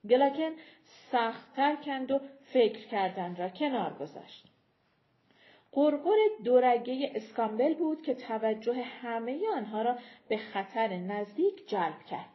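A woman narrating an audiobook with steady storytelling. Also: a little high. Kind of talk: scripted narration. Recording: dull lo-fi recording.

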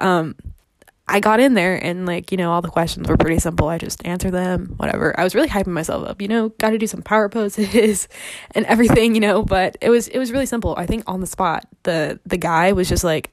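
A woman's voice: fairly low pitch, fast, no echo. A teenage woman hosting a podcast, telling work stories in a rambling, sarcastic, casual way full of fillers. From Seattle area. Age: teens. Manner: rambling, sarcastic, many fillers like "like" and "you know". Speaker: podcast host. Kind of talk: casual storytelling monologue.

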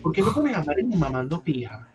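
Venezuelan man, fast and loose, slightly high voice, profane chatty podcast host, faint music underneath. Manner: animated, profane storytelling with many asides. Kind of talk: casual chat.

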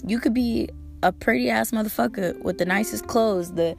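Female host, hoarse from a cold, squeaky and creaky, casual slangy pep talk over soft guitar music. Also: moderate pace. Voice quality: squeaky, strained, a little off. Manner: slangy, swearing, emphatic, repeating key phrases. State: hoarse from a cold, recovering from a lost voice. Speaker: podcast host. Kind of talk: casual motivational monologue.

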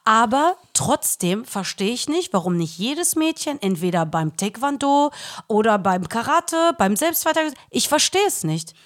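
A woman co-hosting a podcast, telling a story in casual chat with emphatic, animated delivery and some swearing. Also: a little high, moderate pace. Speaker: podcast co-host.

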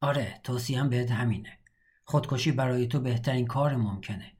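A man's voice: medium pitch, a little mellow, slightly rough, close to an everyday voice. A man reading the part of a bitter, scarred middle-aged prisoner in an audiobook, with a blunt, mocking, matter-of-fact manner. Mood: blunt cynical.

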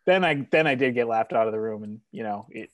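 An American man chats as a guest on a sports podcast, self-deprecating and casual, phrasing in stops and starts. His voice is mid-pitched and recorded very dry. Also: quick pace, no echo. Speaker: team staff member, podcast guest.

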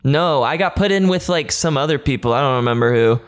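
A man's voice: medium pitch, animated, brisk. A young man co-hosting a podcast, laid-back, chiming in to correct and clarify his friend's stories. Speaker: podcast co-host. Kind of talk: casual chat.

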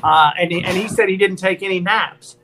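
High, bright-voiced man in his fifties. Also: fairly even intonation, a little fast, slight background noise. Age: 50s. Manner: joking, rambling, self-deprecating. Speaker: podcast host. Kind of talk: casual podcast chat.

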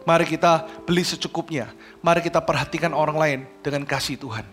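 A male pastor, preaching an online sermon in an animated way that grows emphatic, mixing in English phrases. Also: fairly high pitch, brisk, faint music behind.

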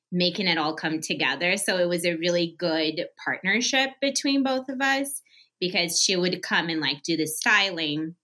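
A woman talks freely as a guest on a podcast. Her voice is bright and slightly low, and her sentences wander with "like" fillers. The tone stays casual and friendly. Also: poor audio. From Brazil. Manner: chatty, many "like" fillers. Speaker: guest, staging company co-founder.

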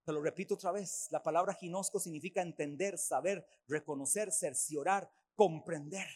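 A man preaches a sermon at a church service, his voice pitched high for a man. He drives his points home by repeating them in lists. He swings between loud, forceful phrases and hushed, quiet ones. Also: normal speed, husky. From Costa Rica. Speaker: pastor.

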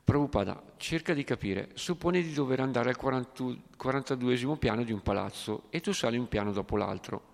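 A man's voice: mid-range voice, lively intonation, a little fast, gravelly, few pauses. A man reading the lines of a patient elderly spiritual teacher, explaining firmly, in an echoey hall. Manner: firm, explanatory.

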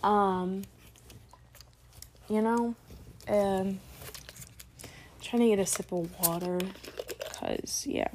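A teenage girl hosts her podcast solo, chatting loosely and losing her thread. She leans on "like" and "you know" and wanders between thoughts. Her pitch sits in the middle for a woman. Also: very slow, long pauses, noisy background. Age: late teens. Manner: chatty, scattered, full of "like" and trailing tangents. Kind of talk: rambling casual podcast monologue.

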